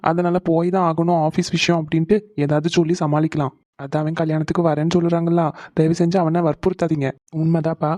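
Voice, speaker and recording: A man's voice: a little high, mellow, close to an everyday voice. A man voicing a devoted young older brother in a cartoon, earnest and reassuring. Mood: reasoning. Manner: earnest, reassuring, swearing his innocence. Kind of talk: cartoon voice acting.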